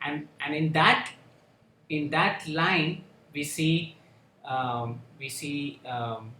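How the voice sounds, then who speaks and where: A man speaking on a panel discussion, halting and full of fillers and restarts. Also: a little high, bright, forceful tone, slight background noise. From India. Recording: echoey room with faint ambience.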